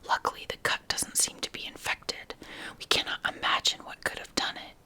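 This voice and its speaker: A woman's voice: moderate pace, bright, forceful tone. A woman in whispered role-play voicing a kindly, forgetful older lady neighbour from a storybook, gossipy and fussy. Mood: fond, chatty.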